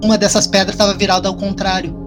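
A man co-hosting a podcast, telling a personal story in casual, animated, profane chat. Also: high voice, fast, over music.

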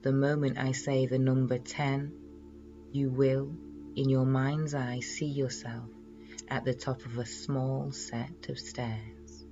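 A man leading a guided relaxation in a slow, soothing hypnotist's manner, measured and full of pauses. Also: mid-range voice, level tone, creaky, muffled recording, music in the background.

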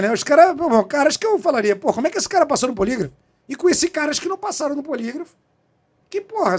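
A man's voice: very high voice, fairly bright tone. A middle-aged man from Brazil, a police chief, telling a story as an interview guest in a profane, emphatic way. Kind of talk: animated storytelling in a podcast interview.

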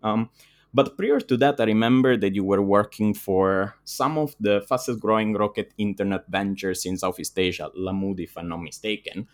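A man's voice: on the low side, normal speed. A man hosting a podcast, reading a formal introduction and then asking his guest questions. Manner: formal, reads intro text. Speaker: podcast host.

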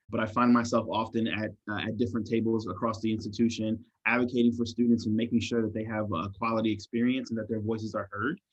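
A man speaking as a podcast guest, answering in a measured, thoughtful way with frequent fillers and restarts. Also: on the low side, breathy edge. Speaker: guest, assistant dean of students. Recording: dull lo-fi sound.

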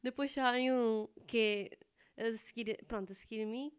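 A woman's voice: on the high side, measured pace, clear, resonant tone. A teenage girl with a European Portuguese accent, chatting casually to camera in a rambling way, slightly congested with phlegm. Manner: rambling, chatty, full of fillers. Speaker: student vlogger.

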